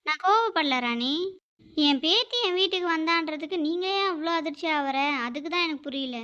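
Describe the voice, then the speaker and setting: A woman's voice: extremely high pitch, brisk, pushed and bright. A woman voicing a stern, proud old grandmother in a cartoon who defends her family in a firm, scolding way. The recording is dull and lo-fi. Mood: calm. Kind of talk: animated cartoon dialogue. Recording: dull lo-fi audio.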